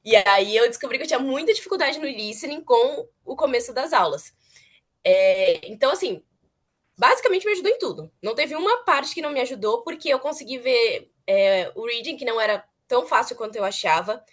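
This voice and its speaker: A woman's voice: fairly high pitch, animated, a little fast. A young woman chatting earnestly as an interviewee, repeating words for emphasis. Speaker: former student interviewee. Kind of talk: casual interview chat.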